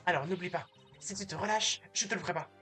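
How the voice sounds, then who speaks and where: A man's voice: high-pitched, fast talker, sharp tone, soft background music. A man reading aloud as an eager young woman lawyer who plays the judge in a mock trial. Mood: spirited. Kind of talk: reading game dialogue aloud.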